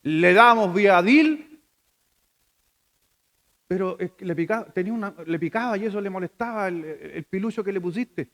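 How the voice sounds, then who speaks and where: A man's voice: high-pitched, normal speed, pauses often, a bit bright. A middle-aged man with a Chilean accent preaching a sermon in a conversational way, asking the congregation rhetorical questions and sometimes breaking off to restart. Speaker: pastor.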